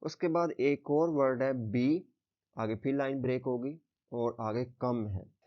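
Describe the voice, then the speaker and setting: A man's voice: medium pitch, measured pace. A male braille teacher explaining rules step by step, patiently checking understanding as he goes. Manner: patient, repeats "theek hai" and "okay" to check understanding. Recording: slightly dull lo-fi sound.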